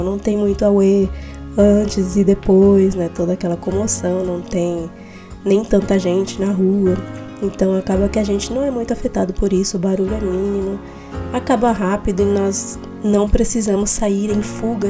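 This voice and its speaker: A Brazilian woman with a Brazilian Portuguese accent hosting a devotional podcast, talking in a reflective, chatty way and sometimes correcting herself. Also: medium pitch. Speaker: podcast host. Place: home in Switzerland.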